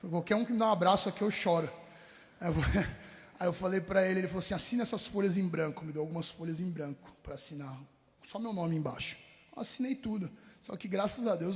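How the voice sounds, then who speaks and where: A man's voice: a little high, in a large hall. A man, a rapper telling his life story in an interview, full of street slang and acting out old conversations, sometimes choking up. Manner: street slang, acts out past dialogues, chokes up at times. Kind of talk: emotional personal testimony in an interview.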